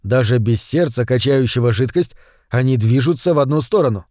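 A man reading the lines of a thoughtful male scientist who explains things calmly in an audiobook. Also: mid-range voice, no room sound, clean studio sound, lightly acted. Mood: explaining. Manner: measured explaining.

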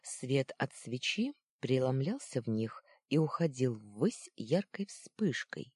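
A woman narrates a children's storybook with a husky, slightly breathy voice. Her pitch swings widely as she acts out the dialogue. The recording is dry and close, with no room sound. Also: darkish tone, no room sound. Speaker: audiobook narrator.

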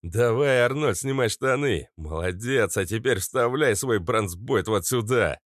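A man's voice: medium pitch, animated, measured pace, no echo, clean studio sound, voice pushed up, close to an everyday voice. A man voicing an eager, servile young male henchman in an audiobook, fawning and keen. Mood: excited.

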